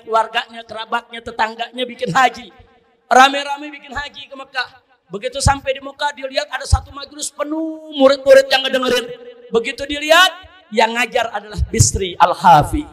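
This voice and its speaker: A man delivers a sermon, telling a story with fervent intensity. His voice sits very high for a man, and he climbs into passionate, loud declarations as the tale builds. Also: little pitch movement, brisk. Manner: fervent, rising to impassioned shouts in quoted prayers. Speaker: preacher.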